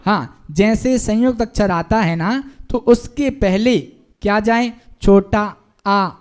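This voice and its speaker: A man with a fairly high voice leads a class at a slow, deliberate pace. He stretches each syllable out for the students to repeat. He corrects them patiently and encourages them. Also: a little mellow, clear, resonant tone. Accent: Hindi. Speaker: Jain monk teaching a class. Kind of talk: pronunciation lesson, call and repeat.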